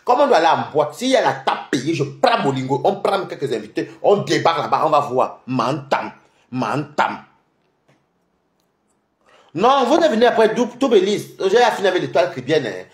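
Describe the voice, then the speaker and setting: A man's voice: on the high side, sing-song. A young man ranting on a livestream in a taunting, mocking way. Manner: taunting, mocking, rapid-fire. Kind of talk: heated livestream rant. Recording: echoey room.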